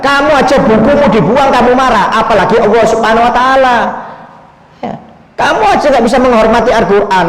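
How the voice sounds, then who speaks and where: A man's voice: extremely high pitch, pitched above the performer's own voice. A man voicing a defiant male student who reproachfully rebukes his lecturer with indignant questions. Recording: echoey hall.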